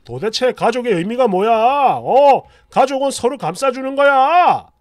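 A man voicing an angry, defensive young husband who shouts indignantly in a storytelling reading. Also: very high-pitched, animated, quick pace, no room sound, clean studio sound, voice pushed up. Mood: shouting.

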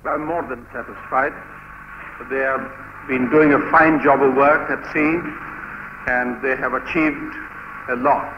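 Middle-aged navy chief talking in an old newsreel clip, calm and sure of himself, muffled and hissy with a big echo. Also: male voice, medium pitch. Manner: measured, confident officer's report. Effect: old radio newsreel sound. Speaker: naval chief giving an interview. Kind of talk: archival newsreel interview. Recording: dull, noisy, echoey archival newsreel recording.

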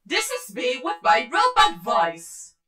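A woman speaking slowly through a pitched-down robot voice filter with layered echo, demonstrating a voice effect. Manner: slow, flat demo phrase. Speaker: software tutorial maker.

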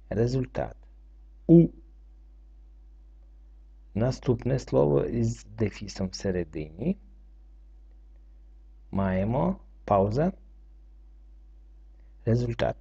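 A man teaching French reading, going through it slowly word by word and spelling out letters and rules. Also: medium pitch, gravelly, warm tone, husky. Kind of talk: slow word-by-word reading lesson. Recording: dull lo-fi recording.

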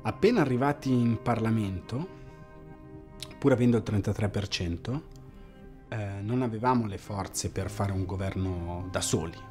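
Man acting disillusioned ex-party member, lowish voice, flat delivery, mockumentary interview. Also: moderate pace, natural voice. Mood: deadpan. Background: background music.

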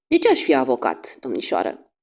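A fussy, formal middle-aged detective with courteous, measured speech, read by a woman narrator. The voice sits low, dark and mellow, but the lines still rise and fall a lot. It is read like an audiobook character. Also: huge pitch swings, heavily acted. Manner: polite and measured.

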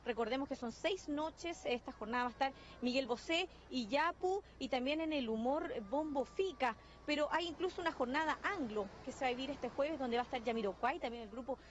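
A woman, reporting live from a sunny beach into a handheld mic, brisk and upbeat. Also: high-pitched, muffled recording, slight background noise. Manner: brisk, upbeat, many questions. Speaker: field reporter. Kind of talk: live on-location news report. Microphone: handheld microphone.

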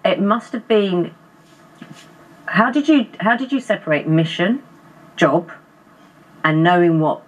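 A woman news presenter questions guests from a breakfast television studio sofa. Her voice is low and husky. She asks probing questions that run on at length. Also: fairly bright tone, rough recording. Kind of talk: studio interview.

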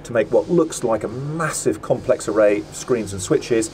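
A man's voice: on the low side, darkish tone, a little hiss or hum. Methodical man giving a cockpit tour. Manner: methodical, measured, with frequent ums and uhs. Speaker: land speed record driver. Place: seated in a car cockpit inside a large workshop. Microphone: small camera mounted in the cockpit.

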